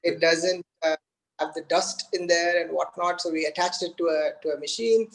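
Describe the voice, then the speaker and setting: This guest game developer is an Indian man with Tamil as his native language, speaking accented English in relaxed conversation. His voice is on the high side and steady, with vocal fry, and the audio is poor. Halting speech, restarts and fillers run throughout.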